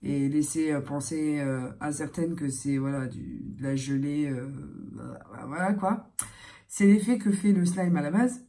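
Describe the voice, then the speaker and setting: Young woman, lowish soft-edged dark voice, swollen-tonsils thickness, congested and strained, casual beauty vlog chat, halting delivery. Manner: hesitant, halting, searching for words. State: sore throat from tonsillitis, voice sounds strained and altered. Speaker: beauty vlogger. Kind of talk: casual chatty get-ready-with-me vlog.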